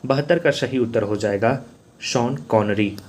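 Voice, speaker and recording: A man's voice: medium pitch, normal speed, darkish tone. A man teaching as an exam coach, working through quiz questions and answers in a repetitive, drilling manner. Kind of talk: quiz answer walkthrough lesson.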